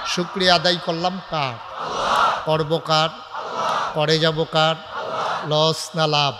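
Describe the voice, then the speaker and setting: A male preacher with a Comilla Bengali accent, bantering with the crowd and then chanting in a sung, drawn-out cadence, leading call-and-response. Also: a little high, level tone. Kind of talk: open-air religious sermon. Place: large outdoor gathering at night. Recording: reverberant outdoor PA sound with faint crowd noise.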